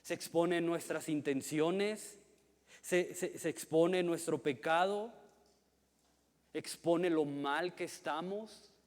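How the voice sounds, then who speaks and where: A man's voice: fairly high pitch, slow pace, a little mellow. A man in his thirties with a Mexican accent preaching a sermon as a pastor, earnest, often repeating a word as he starts a phrase. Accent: Mexican Spanish. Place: church hall. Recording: long reverb of a large hall.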